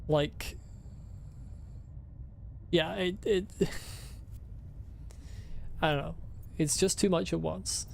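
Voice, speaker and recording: A woman's voice: on the low side, steady tone, drawn-out words, vocal fry, pauses often, slight background noise. A woman giving casual video game playthrough commentary in a blunt, incredulous manner, often repeating phrases for emphasis.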